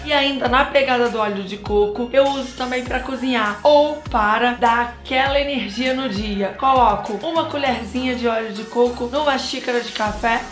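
Woman, Rio Brazilian accent, hoarse and cracking voice, higher-pitched, casual vlog chat, roomy sound, faint music behind. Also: normal speed, few pauses. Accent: Rio de Janeiro Brazilian. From Rio de Janeiro, Brazil. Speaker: vlogger presenting tips. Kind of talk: casual chatty vlog to camera. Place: small decorated room indoors.

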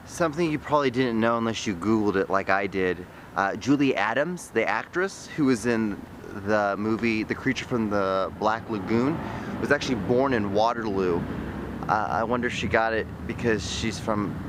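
A man's voice: lowish voice, normal speed, background noise. A young man from the Midwest vlogging to a handheld camera on city streets, rambling with jokey, self-deprecating asides. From American Midwest. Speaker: travel vlogger. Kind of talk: casual vlog narration to camera. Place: outdoors on city streets by a river. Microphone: handheld camera at arm's length.

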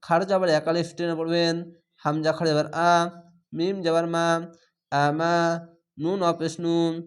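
A man teaching Quran reading, spelling out each letter and vowel and then drawing out the recited words slowly. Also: fairly high pitch, flat delivery, clean tone.

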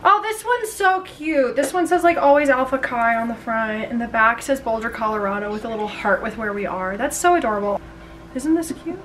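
A woman's voice: fairly high pitch, animated, brisk, slight background noise, poor audio. A young woman with a bubbly, gushing sorority-girl manner, chatting casually for a vlog. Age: young adult. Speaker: vlogger, college sorority member.

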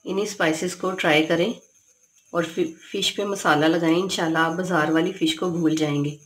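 A woman hosting a cooking channel, calmly explaining each step of a home recipe from her kitchen. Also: fairly low pitch, fairly quick.

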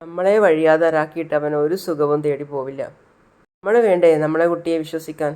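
A man playing a gentle middle-aged aunt who coaxes her sister to eat, in a retold serial. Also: on the high side, fairly even intonation, a little fast, clean tone, close to an everyday voice. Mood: coaxing. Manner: soothing, coaxing.

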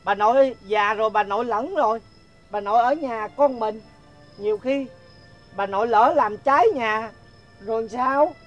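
An actor playing a weak-willed father who speaks haltingly and stammers when pressed. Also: extremely high pitch, highs cut off, soft background music. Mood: hesitant. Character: weak-willed village father, guilty and hesitant. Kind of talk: comic stage sketch acting.

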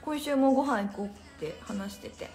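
A woman's voice: on the high side, normal speed, a little mellow, echoey room, faint music behind. A young woman hosting a phone live stream, chatting casually with viewers, reading out their comments and laughing often. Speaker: Instagram live host.

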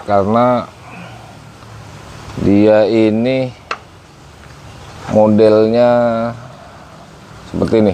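A man's voice: lowish voice, darkish tone, a little hiss or hum. A man in his thirties casually reviewing a camping stove outdoors, explaining step by step and calling viewers guys. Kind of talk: casual product review vlog. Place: outdoor patio garden.

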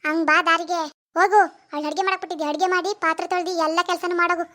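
A woman's voice: very high-pitched, steady tone, fast talker, bright, forceful tone. A woman voicing a vengeful female ghost in a cartoon, scolding and threatening a lazy husband. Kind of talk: animated cartoon voice acting.

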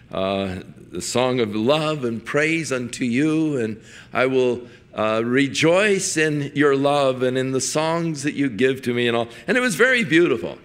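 Older male pastor, folksy and anecdotal in the pulpit, bright tone. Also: mid-range voice. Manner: folksy storytelling with chuckles and restarts. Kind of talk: sermon.

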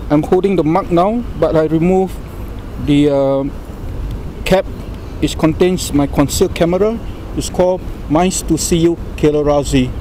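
A middle-aged man with a Singaporean accent gives an informal Singlish product demonstration in halting, deliberate phrases, recorded outdoors on a small camera. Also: fairly high pitch, mellow. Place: outdoors by a car park and exhibition centre. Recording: noisy outdoor recording with traffic ambience.

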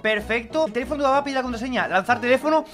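Excitable young gamer, high bright voice. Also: male voice, rapid-fire, faint music behind. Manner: loud, swearing, jokey, shouts suddenly. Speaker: gaming YouTuber. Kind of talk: excitable gameplay commentary.

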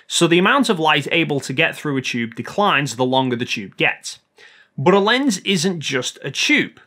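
A man hosting a photography video, giving a scripted technical explanation in a clear, explanatory way. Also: on the high side, sharp tone.

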